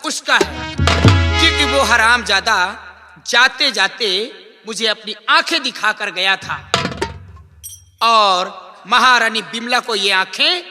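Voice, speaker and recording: An actor playing a cruel, scheming wicked stepmother queen in a Nautanki folk stage melodrama, gloating with drawn-out menace. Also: very high voice. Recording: echoey stage sound system, loud music.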